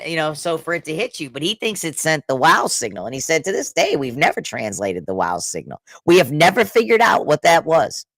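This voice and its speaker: A middle-aged podcast co-host with a fairly high, bright, forceful voice chats casually, his throat scratchy from being sick. He rambles and restarts his sentences, and the recording has no echo.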